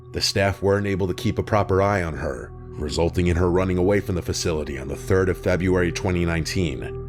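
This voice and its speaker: A man reading a scripted true-crime narration in an even, measured way, close to the mic. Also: sits low. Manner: even, measured storytelling delivery. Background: music bed.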